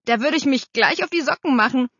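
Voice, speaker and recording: A woman's voice: medium pitch, moderate pace, fairly bright tone, dry recording, natural voice. A woman voicing a cheeky, eager young boy who teases and daydreams aloud, in a storybook reading. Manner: teasing, eager. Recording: slightly dull dry recording.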